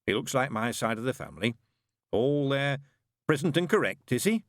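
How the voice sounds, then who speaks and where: A man's voice: medium pitch, lively intonation, moderate pace, no room sound, studio quality, voice pushed up, lightly acted. A male audiobook reader voicing a tired, mild-mannered middle-aged accountant who talks in a polite, hesitant way. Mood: bemused.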